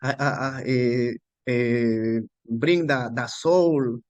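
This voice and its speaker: A man, a pastor and missionary, telling a personal testimony with many restarts and lively quoting of his own words. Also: mid-range voice, no echo, muffled recording. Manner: halting with many restarts, animated quoting of himself. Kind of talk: storytelling testimony.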